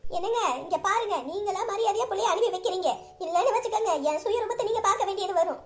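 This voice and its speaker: A woman's voice: very high voice, quick pace, darkish tone, a little hiss or hum. A woman playing a fierce scolding mother. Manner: scolding, defiant.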